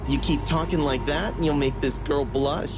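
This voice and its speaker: A man voicing a creepy middle-aged drive-thru worker in a wig, with a high, sing-song, syrupy voice and a lisp. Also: moderate pace, background noise, lightly acted. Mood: flirty.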